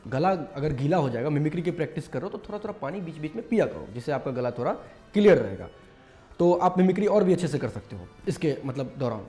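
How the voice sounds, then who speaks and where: A man's voice: high voice, darkish tone. A man casually teaching mimicry, explaining step by step with lots of fillers. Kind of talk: casual tutorial talk.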